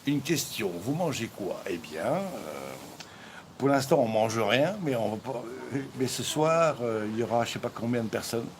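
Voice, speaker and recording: A man's voice: mid-range voice, lively intonation, moderate pace. A man hosting a cooking live stream, chatting casually and joking with viewers, full of fillers and restarts, over a phone mic. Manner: jokey, rambling, with many fillers and restarts. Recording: noisy background ambience.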